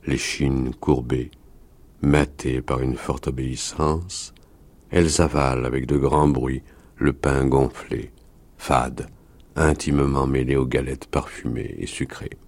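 Man, reading a novel aloud, very low voice, unhurried, dry studio sound. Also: a little mellow. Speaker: reader.

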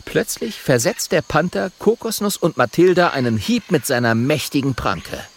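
A man narrating a children's audiobook in an expressive, measured way. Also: fairly high pitch, creaky, a little hiss or hum.

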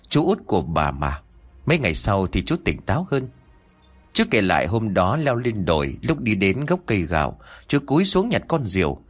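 A man narrating a rural ghost story in an expressive, dramatic storytelling manner. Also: fairly low pitch.

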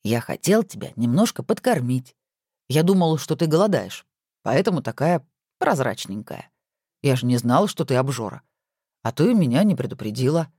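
A woman's voice: extremely low pitch, very animated, moderate pace, mellow, husky, no echo, clean studio sound, exaggerated voice. A woman voicing a grumbling, bantering husband in an audiobook. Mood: teasing. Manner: bantering, mock-grumpy. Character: teasing grumbling adult husband.

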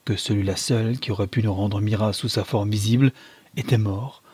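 A man reading a novel aloud as an audiobook narrator in a measured, dramatic manner. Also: on the low side, steady tone, darkish tone, husky, no echo. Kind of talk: scripted literary reading.

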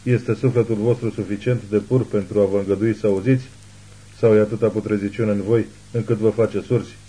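A man's voice: lowish voice, fairly even intonation, breathy edge, rough recording. Man voicing a fervent old woman prophet. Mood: fervent preaching. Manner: hushed but imperious.

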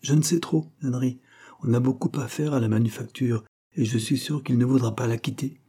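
A man voicing an older father who speaks with calm, gentle firmness, in a read-aloud novel. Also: medium pitch, a little fast, slightly rough, pitched above the performer's own voice. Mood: gently firm. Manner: gently reproving.

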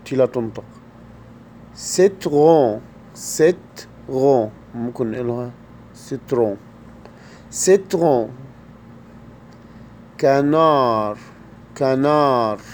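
A man leads a slow pronunciation drill, saying each word with care and then saying it again. His voice sits at a middle pitch and moves at a very unhurried pace. A faint hum of air conditioning runs under the room. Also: expressive. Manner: repeats each word slowly and clearly, with quick quiet asides. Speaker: language teacher.

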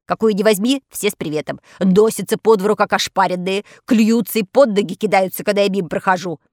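A woman voicing a chatty male village postman dressed up as a werewolf chicken, rattling on quickly. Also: mid-range voice, darkish tone, no echo, studio quality, close to an everyday voice. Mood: chattering.

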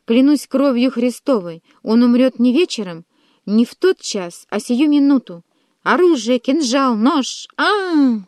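A woman reading an audiobook, voicing a furious young king who shouts in a raised, strained voice. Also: high-pitched, lively intonation, measured pace, dry recording, studio quality. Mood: frenzied.

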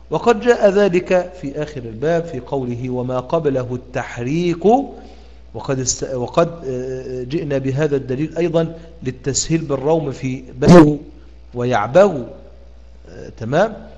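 A man with an Egyptian accent teaches the rules of Quran recitation, his voice a touch higher than most. He keeps asking his listeners "what?" and slowly stretches out the sample words he recites. The audio is dull and lo-fi, with a long, hall-like reverb trailing each phrase. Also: darkish tone. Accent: Egyptian Arabic. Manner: questioning, pausing with "what?" for students to answer; drawn-out demonstrative recitation of words. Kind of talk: explaining Quran reading rules to students.

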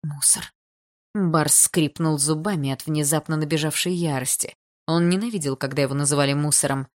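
A woman narrating a dramatic audiobook in a steady, subdued storytelling manner. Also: deep voice, brisk.

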